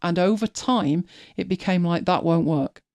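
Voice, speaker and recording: A woman's voice: lowish voice, normal speed, a little mellow, no echo. A woman hosting a live stream, chatting casually as she walks viewers through her screen, thinking aloud and often restarting her sentences. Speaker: host.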